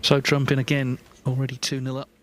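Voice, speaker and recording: A man giving live snooker commentary in a measured, conversational, analytical way. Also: medium pitch, monotone, a little hiss or hum.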